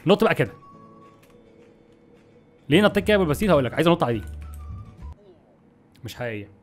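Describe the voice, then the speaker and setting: Young Egyptian male gaming host, jokey and quick-tempered, very fast, soft game music behind. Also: a little high. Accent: Egyptian Arabic. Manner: excitable, exasperated, jokey, talks to viewers. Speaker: gaming YouTuber. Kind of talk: gameplay commentary.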